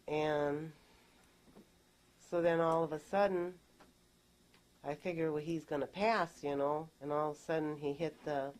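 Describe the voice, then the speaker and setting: A middle-aged woman giving testimony in a recorded deposition, recounting events in a plain, halting way. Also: deep voice, darkish tone. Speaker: deposition witness.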